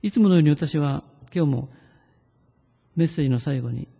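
Husky, earnest male pastor preaching. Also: on the high side, mellow, big-room sound. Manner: earnest, pleading, leads congregation in slow read-aloud prayer. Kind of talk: sermon.

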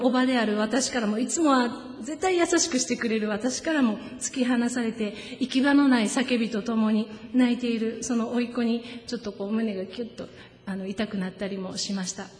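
A woman preacher, giving a sermon with gentle personal stories and slowing down for solemn points. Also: fairly high pitch. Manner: gentle storytelling, slows down for solemn emphasis. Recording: echoey hall with long reverb.

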